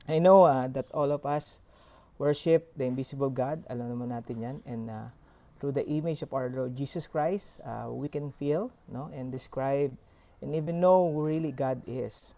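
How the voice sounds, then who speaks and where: A middle-aged Filipino man giving an informal, halting sermon, his speech slightly slurred from a swollen mouth after having a tooth pulled. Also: mid-range voice, dark tone. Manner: halting, hesitant. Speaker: church member giving a short sermon. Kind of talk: informal sermon in mixed Tagalog and English.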